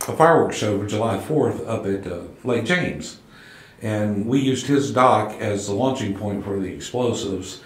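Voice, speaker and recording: A man with a Southern Appalachian accent telling anecdotes casually in an interview, folksy and plain-spoken. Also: on the low side. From southern United States. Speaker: local radio station owner being interviewed. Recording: echoey room.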